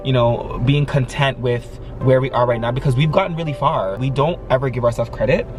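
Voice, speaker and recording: A man's voice: mid-range voice, a little fast. A young adult man vlogging in a candid casual chat, earnest, reassuring and slangy. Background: music.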